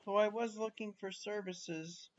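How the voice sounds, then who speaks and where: A man chats casually while streaming a train game, musing aloud and asking his viewers questions between pauses. He talks slowly and takes his time. The stream audio is dull and lo-fi, with a faint hiss of noise underneath. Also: high voice, fairly even intonation. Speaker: livestreamer playing a train simulator. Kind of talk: casual live gameplay chat.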